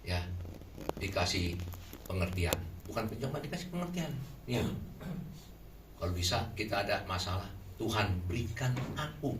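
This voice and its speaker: A man preaching a sermon in a lively way, often putting questions to the congregation. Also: on the low side, normal speed, long pauses. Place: shelter hall. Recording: echoey room from far off, faint noise.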